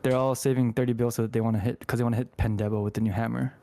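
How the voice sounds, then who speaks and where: Male panelist for casual group-call chat, quick delivery, gravelly fry, medium pitch. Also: flat delivery, dark tone. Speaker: panelist relaying a guest's question.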